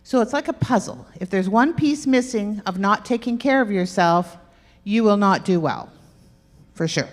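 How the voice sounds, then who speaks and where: In an echoey church hall with a stage and aisle, a woman runs an interactive health workshop, playfully quizzing her audience. Her mid-range voice is expressive and moves at a moderate pace.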